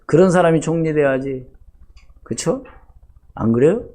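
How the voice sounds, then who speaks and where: An older man preaching from the pulpit of a church sanctuary. His voice sits a touch high for a man. He throws rhetorical questions at the congregation and drops to a hush before rising again to press a point. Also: lively intonation, measured pace. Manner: rhetorical questions to the congregation, swinging between loud and hushed. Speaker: pastor. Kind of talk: sermon.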